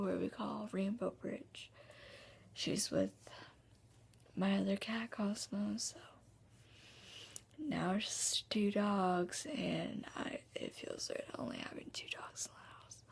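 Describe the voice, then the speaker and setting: A tearful woman talking haltingly and subdued in a personal video diary, her voice hushed and breathy. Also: mid-range voice. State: tearful, crying. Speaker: vlogger.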